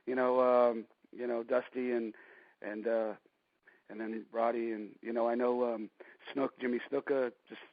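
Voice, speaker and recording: A man's voice: medium pitch, level tone, a little slow, no room sound. A man in his forties, a guest telling stories in a casual interview and filling his talk with "you know". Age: 40s. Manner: rambling storyteller, many "you know" fillers. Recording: dry, dull lo-fi line.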